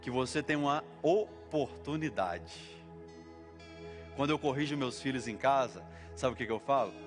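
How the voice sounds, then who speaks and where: A man's voice: medium pitch, lively intonation, normal speed, faint music behind. A man with a Brazilian Portuguese accent preaching a sermon as pastor, talking in a conversational way and acting out little dialogues. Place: church service.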